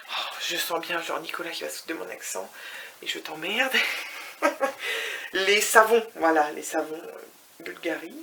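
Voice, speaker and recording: A woman with a lowish voice chats her way through a travel vlog, rambling from one thing to the next and slipping English words into her sentences. She sometimes drops to a hushed whisper, and steady background noise runs under the recording. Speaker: vlogger. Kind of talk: casual vlog chat. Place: hotel room.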